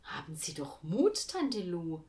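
A woman voicing a gentle gentleman who speaks softly and encouragingly in a storybook reading. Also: lowish voice, wildly swooping pitch, takes it slowly, gravelly, heavily acted. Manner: soft, encouraging. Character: gentle older gentleman, inner heart's voice.

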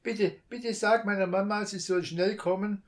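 Man voicing a lonely little kid in a read-aloud story: high, pleading, tearful. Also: fairly even intonation, normal speed, natural voice. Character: small frightened child, boy or girl.

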